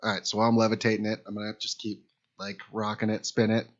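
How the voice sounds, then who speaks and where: A man's voice: lowish voice, monotone, quick pace. A man playing a tabletop game, eager and thinking aloud as he plans moves. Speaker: player. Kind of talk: casual tabletop game play. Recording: muffled lo-fi stream audio.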